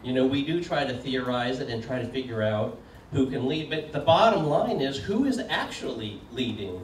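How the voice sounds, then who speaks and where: A man in his sixties giving a relaxed, joking public talk with plenty of fillers, putting questions to an audience. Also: mid-range voice, normal speed. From United States. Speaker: speaker. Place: community meeting room. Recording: echoey room from far off, faint background noise.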